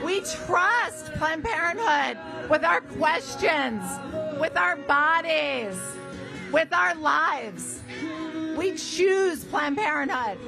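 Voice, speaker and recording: A woman's voice: sits high, gravelly. A woman delivering an impassioned rally speech as an advocate, emphatic and given to repeated phrases, speaking at an outdoor event.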